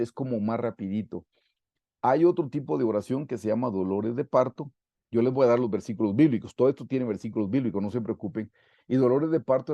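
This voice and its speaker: A man's voice: mid-range voice, warm tone, no echo. A man from Guatemala teaching a Bible study over a video call, speaking prayers aloud in an earnest way and addressing listeners as brothers.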